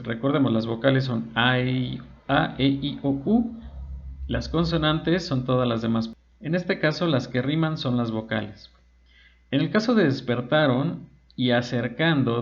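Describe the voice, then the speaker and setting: Gravelly man giving a slow lecture. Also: mid-range voice. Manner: slow, explanatory, spells out examples. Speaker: teacher. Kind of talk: recorded lecture. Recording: dull lo-fi recording.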